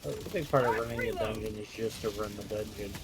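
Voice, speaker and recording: A man's voice: lowish voice, a little fast. A man talking casually about gaming as a fellow player. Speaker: video game player. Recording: clearly noisy voice recording with clicks.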